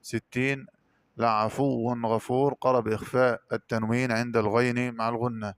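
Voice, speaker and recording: A man giving a Quran recitation lesson, explaining variant readings quickly and then chanting the words slowly and drawn out. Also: mid-range voice, level tone, clean tone, no echo. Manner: brisk spoken explanations alternating with slow, drawn-out chanted words.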